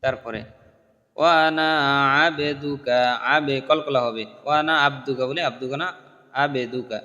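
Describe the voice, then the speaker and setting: Bright-voiced male teacher chanting recitation. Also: mid-range voice, steady tone, long reverb tail. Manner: chants Arabic prayer slowly, then corrects pronunciation in rapid speech. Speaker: religious teacher. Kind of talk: recitation lesson.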